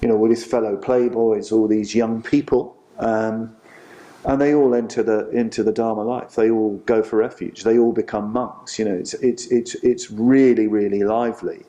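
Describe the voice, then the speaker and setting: Male dharma teacher, lively storyteller who keeps using fillers. Lowish, warm tone. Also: normal speed. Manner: animated storytelling with many "you know" fillers. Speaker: Buddhist teacher. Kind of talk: retreat dharma talk, storytelling.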